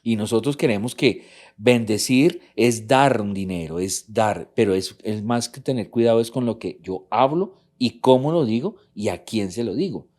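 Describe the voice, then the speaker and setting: With a fairly low, darkish voice at an ordinary pace, a middle-aged Colombian man from a church couples ministry delivers a marriage talk, instructing his audience and restating his central points.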